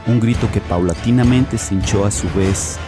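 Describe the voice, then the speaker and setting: An actor narrating as a haunted man recounting a horror, with grave, measured horror storytelling. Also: lowish voice, close to an everyday voice. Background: music.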